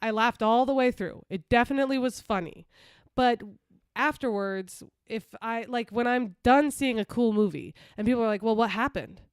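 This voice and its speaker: A woman co-hosting a relaxed movie talk show, arguing her points with firm opinions. Her voice is smooth and clear, recorded dry and close with no room sound. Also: a little high, moderate pace, no echo. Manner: opinionated, talks over her partner. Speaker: podcast co-host. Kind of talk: casual movie chat.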